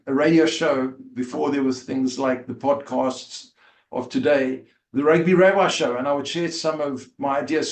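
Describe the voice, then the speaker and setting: A man in his fifties with a South African accent, a rabbi telling his life story earnestly as an interview guest. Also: a little high. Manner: earnest, with frequent fillers and restarts. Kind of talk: conversational storytelling. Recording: roomy echo.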